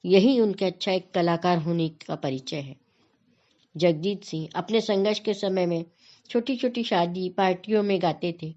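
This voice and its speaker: A woman explaining devotional verses in a measured talk, often repeating a phrase as she searches for the next word. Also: on the low side, dark tone. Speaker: spiritual teacher explaining verses. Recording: dull lo-fi recording.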